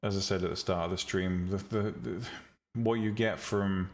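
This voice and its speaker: With a calm, relaxing low voice at normal speed, this streamer, who teaches 3D rendering and visual novel making, chats bluntly and casually with his viewers. The topic is making 3D tutorials, and his talk is full of ums and restarts.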